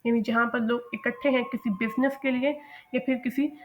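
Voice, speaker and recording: Female language teacher, lecturing patiently, saying English examples slowly and clearly. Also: a little high, steady tone. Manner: slow, careful enunciation of English example sentences. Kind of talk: lecture explaining English phrases.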